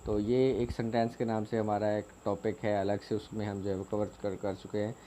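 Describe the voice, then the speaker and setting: A man teaching a grammar lesson, explaining slowly with many fillers and repeated phrases. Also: lowish voice, level tone, mellow, a little hiss or hum.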